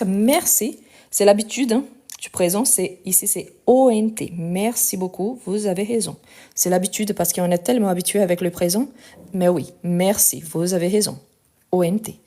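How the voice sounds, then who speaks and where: Woman teacher on a phone live, slow and patient, spells stuff out, soft mellow voice. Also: mid-range voice. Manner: patient, spells out letters, thanks viewers. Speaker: French teacher. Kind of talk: live online grammar lesson.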